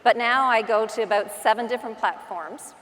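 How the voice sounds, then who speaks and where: A brisk woman with a fairly high, rather bright voice and a Newfoundland accent speaks as a conference speaker, giving an informal, self-deprecating motivational talk full of stories and acted-out asides. She works as a real estate agent and conference speaker. The recording comes from the stage of a large indoor conference hall and carries a long hall reverb.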